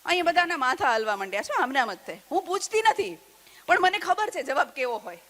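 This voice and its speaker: A woman's voice: high-pitched, sing-song, a little fast, fairly bright tone. A woman giving a motivational talk, putting questions to the audience and answering them herself. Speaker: motivational speaker. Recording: echoey hall with long reverb.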